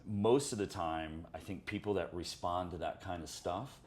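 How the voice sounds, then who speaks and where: A man's voice: low voice, moderate pace, darkish tone. A man co-hosting a podcast, talking in a reflective, reassuring casual chat. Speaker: podcast co-host.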